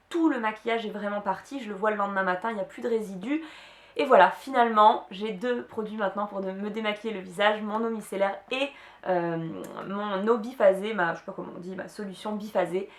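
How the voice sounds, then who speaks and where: A young woman talks through her favorite beauty products in a relaxed vlog. She rambles, pauses and restarts often, her voice mid-pitched. The room is echoey. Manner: chatty, many hesitations and restarts. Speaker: beauty vlogger. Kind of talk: casual product chat to camera.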